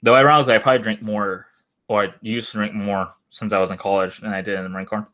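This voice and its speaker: Low-voiced young man rambling casually. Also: steady tone, fast, pushed and bright. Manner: rambling, hesitant, trailing off. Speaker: live streamer, former Marine. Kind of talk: casual livestream chat.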